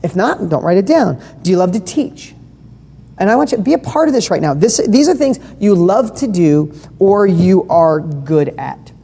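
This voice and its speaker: A woman's voice: fairly low pitch, very animated, moderate pace, gravelly, mellow, breathy edge. Enthusiastic woman coach in a reverberant hall. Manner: enthusiastic and conversational, asks the audience questions. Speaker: business coach. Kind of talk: live online training talk.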